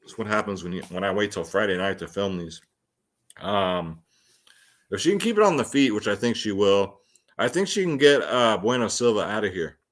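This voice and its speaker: Here the host of a fight picks and fantasy sports show delivers casual solo predictions and betting commentary, calling his audience guys and leaning on slang. He speaks at a normal speed in a lowish voice with lively intonation.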